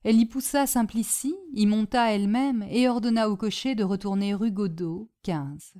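A woman reading a classic story aloud in measured, even narration. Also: mid-range voice.

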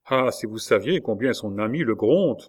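A man's voice: mid-range voice, animated, moderate pace, lightly acted. A man reading the part of a young woman, the jailer's daughter, in an audiobook, in an earnest and reassuring manner.

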